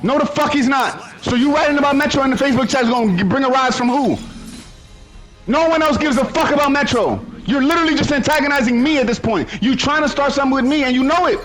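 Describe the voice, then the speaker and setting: Very high-pitched angry young man. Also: fast, fairly bright tone, faint music behind, rough recording. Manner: angry, profane, repeats himself. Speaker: voice chat participant. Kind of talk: heated argument.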